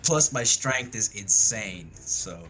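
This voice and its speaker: A man's voice: lowish voice, expressive, slow pace. A man playing a tabletop role-playing game, chatting casually about his moves. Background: faint music.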